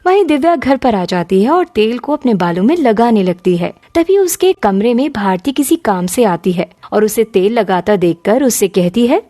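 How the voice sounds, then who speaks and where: A woman narrating a moral cartoon story in an even storytelling manner. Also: medium pitch, normal speed, few pauses.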